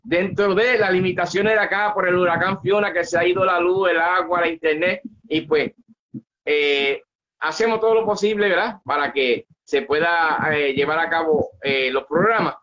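An older man with a Puerto Rican accent hosting a casual interview over a video call, chatty and quick to laugh. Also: high-pitched, pushed and bright. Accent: Puerto Rican Spanish. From Puerto Rico. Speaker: show host. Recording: muffled video-call audio.

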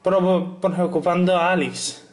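A young man narrates his puzzle game playthrough in a high, light voice. He takes his time between remarks, cracking jokes and humming silly syllables while he plays. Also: steady tone, a little slow. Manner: playful, hums and sings nonsense syllables, jokey asides. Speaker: gameplay narrator. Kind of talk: narrated let's play commentary.

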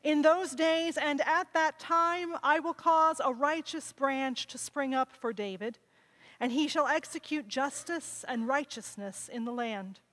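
A woman minister giving a measured, solemn scripture reading in a church service. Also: high voice, a bit bright. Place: large church sanctuary.

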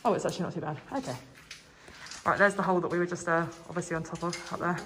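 A woman vlogging as she explores, chatty and easily excited, out of breath from climbing and laughing often. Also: lowish voice, very fast, slight background noise. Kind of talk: casual vlog narration while exploring.

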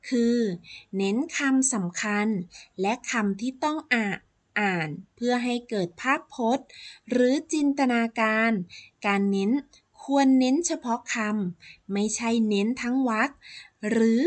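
A woman teacher reading a lesson for children in a slow, careful way. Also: fairly high pitch.

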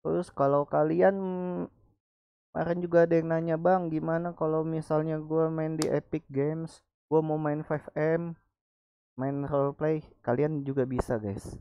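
Through a dull, lo-fi mic with no echo, a man walks viewers through a screen-recorded tutorial in a relaxed way, his Jakarta Indonesian accent marked by unrolled r's. His voice sits on the higher side, level and unhurried, clear and resonant.

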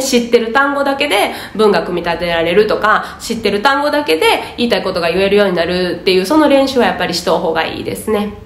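A woman's voice: on the high side, roomy sound. A woman with a Kansai Japanese accent, a Spanish teacher giving a chatty, emphatic lesson, laughing often. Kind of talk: casual teaching talk.

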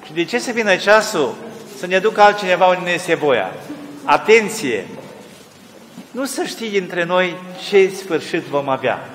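A man's voice: high-pitched, animated, a bit bright. An older man, an archimandrite, giving a fervent storytelling sermon to pilgrims in a monastery church. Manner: fervent, storytelling, quoting people in emotional voices. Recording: echoey hall, faint ambient noise.

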